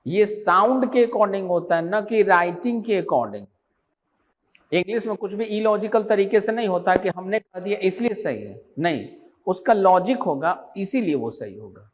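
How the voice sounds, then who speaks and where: Man, teacher, high-pitched voice, online exam-prep lesson, keeps asking and answering his own questions. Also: animated, unhurried. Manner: questioning, asks students constantly and answers himself.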